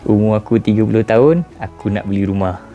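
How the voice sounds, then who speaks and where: Talking quickly to his camera, a male vlogger in his twenties with a Malaysian Malay accent reflects casually and throws rhetorical questions directly at his viewers. His voice is fairly low, the sound is phone quality, and faint music plays behind him.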